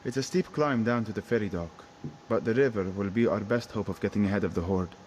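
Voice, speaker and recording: A man playing a calm poetic adventurer. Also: lowish voice, a little fast, slight background noise, natural voice.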